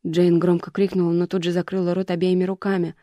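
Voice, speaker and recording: An audiobook narrator reading a thriller chapter in scripted narration with a steady, even delivery. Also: mid-range voice, fast talker, no echo.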